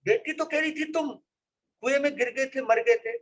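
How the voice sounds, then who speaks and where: A startled older village mother-in-law cries out in shrill, rustic exclamations, put on by a man telling a story in a sermon. The voice sits very high. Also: normal speed. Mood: astonished.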